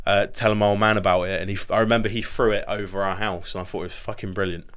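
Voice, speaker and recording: A man with a Norfolk English accent chatting casually as a podcast co-host, sweary and self-deprecating and quick to laugh. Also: lowish voice, little pitch movement, a bit bright. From Norfolk, England. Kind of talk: casual comic banter. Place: home garage. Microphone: podcast microphone.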